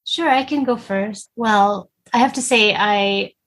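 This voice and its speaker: A woman's voice: medium pitch, takes it slowly. A woman from Texas talking enthusiastically as a podcast guest in a casual conversation. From Texas, USA. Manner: warm, enthusiastic, chatty.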